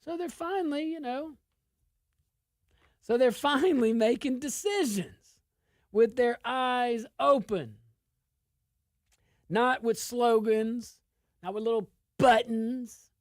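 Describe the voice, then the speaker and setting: A woman's voice: a little high, slow, pauses often, a little mellow, dry recording, studio quality. Emphatic woman with an Arkansas accent. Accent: Arkansas Southern US. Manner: emphatic, repeats phrases for stress. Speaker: political commentator. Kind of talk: informal political commentary.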